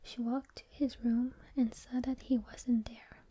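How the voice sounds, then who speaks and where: A woman speaks entirely in a breathy whisper, as an ASMR host reading stories. Her sound is very dark and soft, with a husky, airy grain. She goes along unhurriedly and informally, moving between reading and casual rambling. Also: fairly high pitch, level tone, unhurried.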